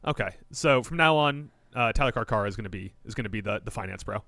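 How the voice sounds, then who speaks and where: This co-host of a sports podcast is a man from Japan whose fairly low voice moves quickly, with some vocal fry, on a dry recording. He's animated and jokey in casual chat, frequently trailing off as he restarts his sentences.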